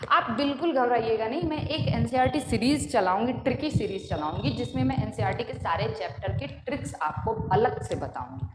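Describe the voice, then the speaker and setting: Young woman teacher, slow question-and-answer lecture, echoey room. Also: a little high. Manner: explains slowly, asks and answers her own questions. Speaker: biology teacher. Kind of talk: classroom lecture. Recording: echoey room with loud noise.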